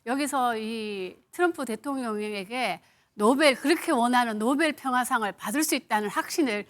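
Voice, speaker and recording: A woman with a fairly high voice, commenting on a televised current-affairs panel. She gives her opinions emphatically and directly. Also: moderate pace, fairly bright tone.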